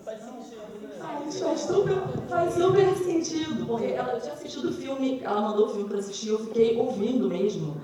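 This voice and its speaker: A woman voice actor telling an animated story about recording a narration, speaking at a panel after a screening. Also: on the high side, fairly quick, a crowd in the background. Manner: lively storytelling, quotes others, chatty slang. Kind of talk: post-screening panel talk. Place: screening hall. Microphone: distant hall microphone. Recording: echoey hall from far off.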